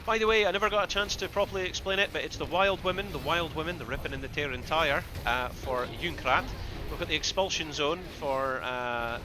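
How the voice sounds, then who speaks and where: A man giving excitable live play-by-play commentary on an esports match, with bursts of loud exclamations. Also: a little high, a little fast, few pauses, background noise. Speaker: esports caster.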